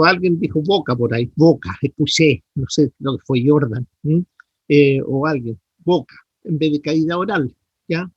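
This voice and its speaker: Speaking in a high voice with a breathy edge, a middle-aged Chilean man teaches dentistry online, offering feedback, fixing students' terms, and tacking on many tag questions. The recording sounds muffled but has no room sound.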